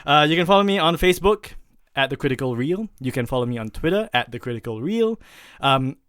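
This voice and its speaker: A man hosts a casual podcast. His voice is smooth and resonant and sounds dry, with no room echo. He rambles, with plenty of fillers and restarts. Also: on the high side, lively intonation, fairly quick, fairly bright tone. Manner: rambling, with many fillers and self-corrections. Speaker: podcast host.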